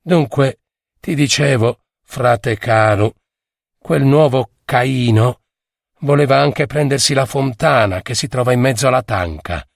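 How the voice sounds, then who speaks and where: A man's voice: medium pitch, unhurried, creaky, no room sound, studio quality. A man playing a boastful bearded rancher of about fifty who tells his story emphatically. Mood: confiding.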